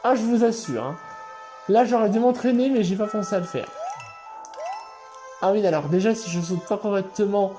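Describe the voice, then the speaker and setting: A man doing let's play commentary, excitable, swearing and yelling at the game. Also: high-pitched, normal speed, long pauses. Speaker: gaming channel host. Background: game music.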